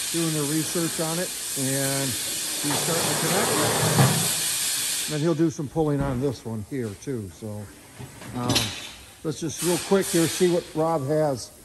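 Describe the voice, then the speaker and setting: A man's voice: fairly high pitch, very noisy. A man giving a casual walkthrough of his auto body shop, chatty, with lots of fillers, filmed on a handheld phone. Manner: chatty, filler-heavy explaining. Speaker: shop owner giving a tour. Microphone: handheld phone camera.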